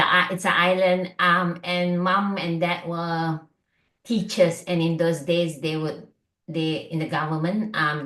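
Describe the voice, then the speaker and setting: A woman's voice: sits low, a bit bright, echoey room. A middle-aged woman from Malaysia, a doctor chatting casually as a guest, with many fillers. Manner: chatty, lots of fillers and likes. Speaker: functional medicine doctor, guest. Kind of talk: casual interview chat.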